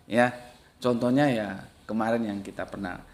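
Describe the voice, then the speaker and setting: A man lectures casually on religion as an Islamic study teacher, blunt and slangy, moving from loud emphatic bursts to low muttered asides. His intonation is fairly even and his speed normal.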